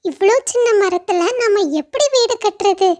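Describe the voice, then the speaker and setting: A woman voicing a clever, lively young parrot in a cartoon, quick and exclaiming. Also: very high-pitched, voice pushed up.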